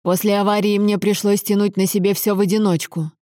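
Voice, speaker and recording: A guilt-ridden middle-aged father, halting and breathless as he defends himself, in a woman reader's voice. The tone stays mellow and warm. Dry, close audiobook recording. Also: high voice, flat delivery, dry recording, natural voice. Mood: pleading.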